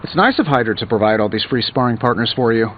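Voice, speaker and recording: A man's voice: mid-range voice, lively intonation, fast talker, lo-fi sound, a little hiss or hum, close to an everyday voice. A man playing a cocky, wisecracking genius inventor superhero in a video game, with a glib, sarcastic delivery. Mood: friendly. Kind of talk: video game dialogue, quippy banter.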